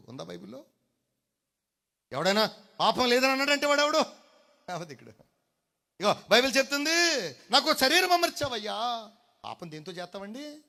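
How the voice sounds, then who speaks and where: A man preaching a sermon to a congregation, swinging between hushed and loud delivery, drawing out key words and slipping in English phrases. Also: high-pitched. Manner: mixes in English phrases, addresses the congregation directly.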